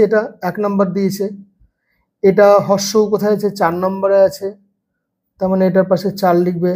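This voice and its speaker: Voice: medium pitch, a little mellow, slightly rough. A teacher patiently explaining a first-grade alphabet lesson, sounding out letters one by one.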